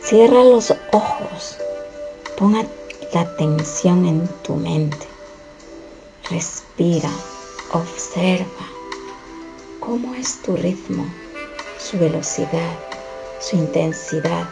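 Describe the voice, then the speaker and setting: A woman's voice: fairly low pitch, takes it slowly, vocal fry, long pauses. A woman from Ecuador reading a guided relaxation text in a soothing, instructive way. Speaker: contributor reciting her own text. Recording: soft music playing behind.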